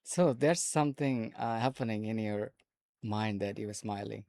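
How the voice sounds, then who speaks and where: A man's voice: fairly low pitch, measured pace, creaky, a little mellow, dry recording. A man with a Bangladeshi accent hosts a casual, joking video chat with a stranger. His tone is teasing, and he often repeats himself. The sound is dry and close, with no room in it. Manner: teasing, playful, with repeated phrases and laughs. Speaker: host.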